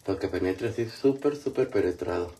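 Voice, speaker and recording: A chatty Mexican man hosting a casual livestream. His voice sits a little low, and his talk is loose and slangy as he greets viewers by name while doing his skincare. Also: fairly quick, warm tone. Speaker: livestream host.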